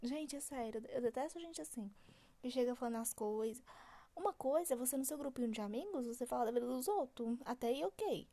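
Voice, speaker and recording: A young woman with a fairly high but mellow voice rants through her solo podcast. She complains in an exasperated, animated way, sometimes mimicking the people she dislikes. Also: brisk. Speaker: podcast host.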